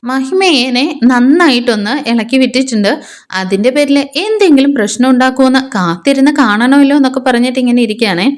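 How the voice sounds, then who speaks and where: A woman with a Malayali accent chats her way through a soap-opera plot. She speaks in a high, light voice and often tags her sentences with small conversational fillers. She reads the characters' quoted lines in much the same voice as her narration. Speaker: serial promo narrator. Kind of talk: casual retelling of a TV serial episode.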